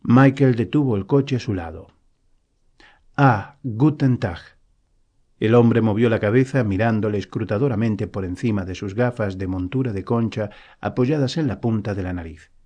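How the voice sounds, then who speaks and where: Calm, low-voiced male narrator. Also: brisk, hardly any pauses, dull audio. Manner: calm, even storytelling. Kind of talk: audiobook narration.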